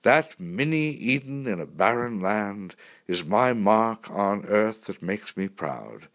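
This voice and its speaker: A man narrating a first-person memoir in an expressive, vivid storytelling manner. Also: fairly low pitch, slow.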